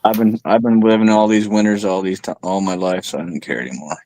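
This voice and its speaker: A man's voice: on the low side, fairly even intonation, fast, mellow, dry recording, low-quality recording. A man in his late thirties chatting casually, laughing often and swearing freely. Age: 30s. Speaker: chat participant. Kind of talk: casual chat.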